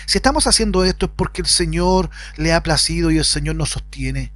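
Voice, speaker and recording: Man, pastor, sermon, high voice, dry close sound, emphatic rises and drops. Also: fairly quick, fairly bright tone, dry recording. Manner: preaching with sudden rises and drops in pitch. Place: at home.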